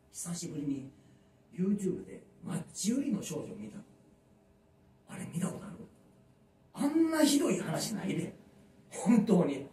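Kansai guy in his 50s doing stand-up, high voice jumping all over, echoey room, mic off at a distance. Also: a little hiss or hum. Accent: Kansai Japanese. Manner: lively storyteller who acts out voices. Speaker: stand-up comedian. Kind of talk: stand-up monologue. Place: small underground live venue.

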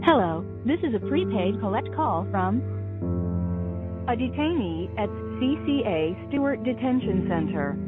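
A woman's voice: on the high side, lively intonation, a little slow, over music. Female automated payphone call voice, lilting delivery, phone-line sound. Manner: crisp, scripted announcement. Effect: recorded prompt over a prison payphone line. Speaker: automated prison phone system announcer.

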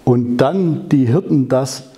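A man giving a conversational sermon, telling the story with rhetorical questions and slowing down on key phrases. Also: medium pitch, warm tone. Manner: slows down to stress key phrases. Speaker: preacher.

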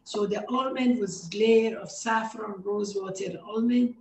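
A woman's voice: mid-range voice, steady tone, measured pace, a little hiss or hum. A woman with a Persian accent, a native Persian speaker, cheerfully talking through a cooking demonstration and laughing often. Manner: cheerful, laughs often, warm enthusiasm about food. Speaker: cookbook author giving a cooking demo. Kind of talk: casual cooking demonstration talk. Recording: echoey room.

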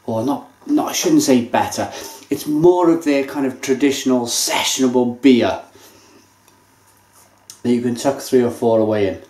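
Medium in pitch and normal in speed, a man in his thirties tastes and talks about a beer in his home kitchen. His manner is relaxed and chatty as he savors each sip, and the echoey room is picked up by a camera mic at table distance.

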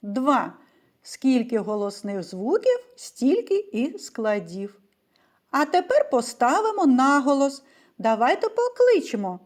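This primary school teacher has a high, very animated voice and takes her time. Guiding young children through a reading lesson, she poses questions and answers them herself in a patient, sing-song manner that stays slow and clear.

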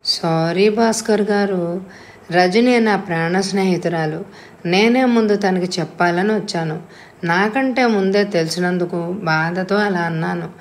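A woman voicing a headstrong, moody young woman who talks boldly and flares up quickly. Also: on the low side. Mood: apologetic. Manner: bold, quick-tempered. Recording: echoey room.

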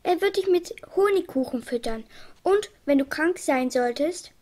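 A woman's voice: high voice, expressive, normal speed, darkish tone. A woman reading a group of eager monkeys in a children's storybook, coaxing sweetly. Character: eager persuasive band of monkeys.

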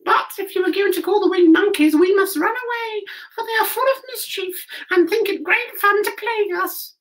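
Teeny squeaky mouse queen voice, way up high, kind and helpful. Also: normal speed, slight background noise. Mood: kindly, helpful. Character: tiny squeaky female mouse queen, kindly.

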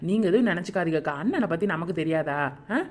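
A woman voicing a brisk, blunt village neighbor. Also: fairly low pitch, lively intonation. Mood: soothing. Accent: Kanyakumari Tamil.

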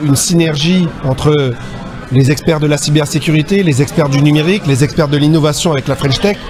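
A man giving an earnest, explanatory press interview at an indoor event, with filler pauses. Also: a little high. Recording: music underneath.

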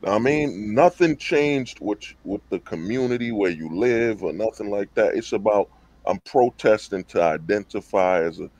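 A man's voice: lowish voice, lively intonation, moderate pace, darkish tone. A man on a livestream panel talking casually and emphatically, full of slang and rhetorical questions over a call mic. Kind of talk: casual debate talk.

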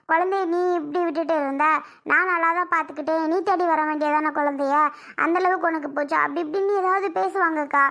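A young mother in a homemade family drama, anxious and insistent as she begs to be taken back to her child, played by a woman. Her voice sits very high and stays pleading and worried throughout. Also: fairly bright tone. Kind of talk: amateur family drama skit.

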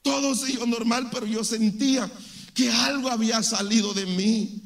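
A man's voice: very high-pitched, steady tone, moderate pace, gravelly. A man from Mexico, giving a fervent church testimony and often calling listeners brother.

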